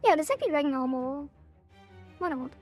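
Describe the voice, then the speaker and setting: A woman's voice: high-pitched, lively intonation, normal speed, darkish tone, faint music behind. A woman streamer giving casual gameplay commentary, thinking aloud and reading bits of game text.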